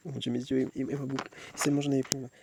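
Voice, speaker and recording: Fast-talking young man vlogging at home. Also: medium pitch, flat delivery, creaky, noisy background. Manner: rambling, self-mocking, restarts and repeats words. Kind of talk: casual self-filmed vlog. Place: at home at night.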